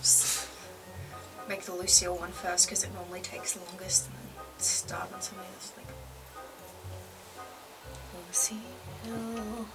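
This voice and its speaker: A woman's voice: lowish voice, level tone, a little fast. A woman playing a tabletop game, talking in character in a friendly, chatty way. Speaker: player. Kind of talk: in-character tabletop role-play. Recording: distant mic with background music.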